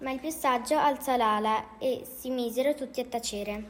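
A woman narrating a children's story in a gentle, lively reading manner. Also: a little high, normal speed.

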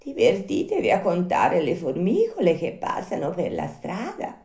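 A woman voicing an unhurried female snail, calm and phlegmatic, drawing out her words slowly. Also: fairly low pitch, pitched above the performer's own voice. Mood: placid. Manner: slow drawn-out calm speech. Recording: roomy echo.

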